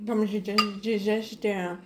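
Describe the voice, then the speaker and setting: A young woman from an Innu community in Quebec answers questions in a casual interview, hesitating and searching for words in a Quebec French accent. Her mid-range voice is flat at normal speed, with a noisy background.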